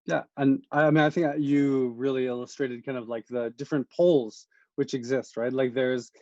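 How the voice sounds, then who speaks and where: A man's voice: mid-range voice, steady tone, moderate pace, darkish tone, dry recording. A man from the United States co-hosting a casual podcast chat, steering the talk with questions. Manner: chatty, leading the questions. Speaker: podcast co-host. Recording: dull, dry sound.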